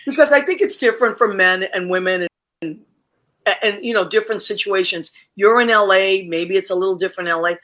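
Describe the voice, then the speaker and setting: Chatty bright-voiced host in their forties. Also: mid-range voice. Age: 40s. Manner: chatty, enthusiastic, quick interjections. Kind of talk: casual interview chat.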